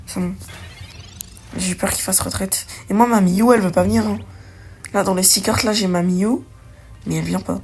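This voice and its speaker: A woman's voice: medium pitch, steady tone, normal speed, long pauses, darkish tone, slight background noise. A young woman chatting casually while she plays a card game, thinking aloud in slang and correcting herself as she goes. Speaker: gaming video creator. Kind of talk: casual let's-play commentary. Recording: faint music behind.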